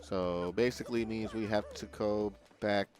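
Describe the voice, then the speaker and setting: A man's voice: fairly low pitch, steady tone, measured pace, a little mellow, soft background music. A man giving casual let's-play commentary as he hosts a gaming video.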